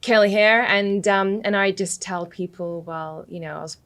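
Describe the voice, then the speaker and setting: A woman guesting on a podcast speaks in a mid-range, slightly bright voice at a moderate pace. Her Australian accent carries a touch of British, and she laughs often and leans on "you know" throughout the casual interview chat.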